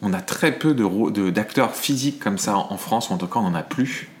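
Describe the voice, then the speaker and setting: A middle-aged man reviewing films in casual chat, hesitant, thinking aloud and restarting his sentences, explaining in a measured way. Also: on the low side. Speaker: film reviewer co-host.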